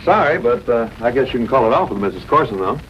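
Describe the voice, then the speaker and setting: An actor playing an easygoing, teasing Air Force captain and husband in a 1950s TV broadcast drama, with folksy banter. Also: male voice, mid-range voice, big pitch swings, quick pace, dull audio, close to an everyday voice. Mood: mild, reassuring. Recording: noisy old 1950s TV soundtrack.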